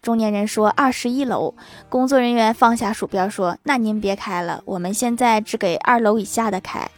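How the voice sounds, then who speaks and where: A woman narrating short funny anecdotes with deadpan punchlines and wry laughs. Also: fairly high pitch, moderate pace. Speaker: comedic storyteller. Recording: music bed underneath.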